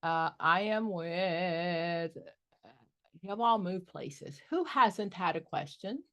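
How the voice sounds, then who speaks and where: A woman's voice: lowish voice, animated, slow pace, highs cut off. A middle-aged woman coaching an exam prep group, candid and joking with sassy asides. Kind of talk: live online study group.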